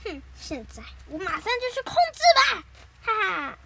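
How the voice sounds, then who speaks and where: A woman voicing a clumsy, boastful schoolboy in shrill, over-excited cries. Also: normal speed, heavy background noise, close to an everyday voice.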